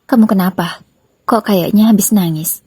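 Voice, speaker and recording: A woman reading the part of a guilty young husband, pleading softly and apologetically with his wife in a spoken story. The voice is mellow and a little breathy, recorded close and dry. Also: mid-range voice, moderate pace, dry recording. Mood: gentle.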